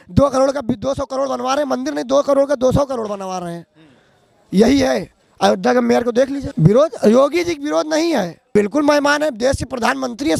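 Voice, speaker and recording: Fiery high-voiced gravelly man. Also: no room sound. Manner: fiery, oratorical, accusing. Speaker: local resident interviewed. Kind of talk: heated street interview.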